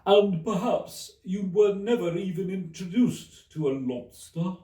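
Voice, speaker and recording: A man voicing a mournful, excitable turtle creature from a storybook, with slow, drawn-out, emphatic delivery. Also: high voice, pitched above the performer's own voice. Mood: mournful, wistful. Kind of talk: theatrical storybook character reading. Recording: roomy echo, distant microphone.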